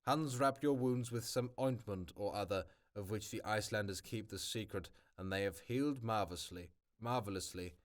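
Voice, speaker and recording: A man reading aloud as a brisk, cheerful older male professor, stumbling over words now and then. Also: on the low side, lightly acted. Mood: cheery. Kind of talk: amateur audiobook reading.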